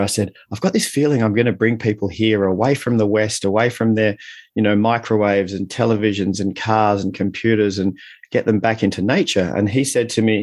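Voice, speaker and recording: A man's voice: lowish voice, a little mellow, dry recording. A middle-aged man speaking reflectively as an interview guest, explaining and telling stories in a conversational way. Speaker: interview guest, leadership coach.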